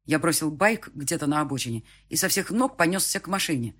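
A man narrates a first-person audiobook in a tense, emotional way. His voice sits a bit high and sounds husky and breathy. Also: lively intonation, brisk, fairly bright tone.

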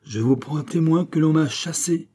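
A man's voice: on the high side, normal speed, dark tone, breathy edge, pitched above the performer's own voice. A man reading a novel aloud, voicing a cheeky young man who talks with mocking, pompous grandeur. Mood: declaiming.

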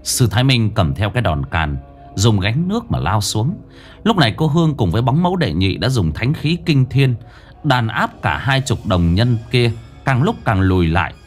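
A man telling a ghost story as dramatic, expressive scripted narration. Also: medium pitch.

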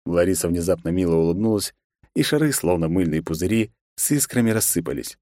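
A man with a deep voice narrates a fiction audiobook in the first person. His reading is steady and expressive. The recording is close and dry, with no room sound. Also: fairly quick, no echo.

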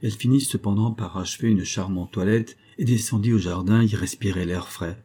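A male narrator with a low, husky voice and a dark, mellow tone. He reads a classic story aloud in measured, even scripted audiobook narration.

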